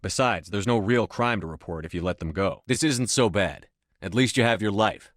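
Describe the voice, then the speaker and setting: A man's voice: lowish voice, moderate pace, dry recording, clean studio sound, lightly acted. A man voicing a resolute military space commander in a video game, speaking in a terse, controlled, authoritative manner. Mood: measured, firm. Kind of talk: video game dialogue acting.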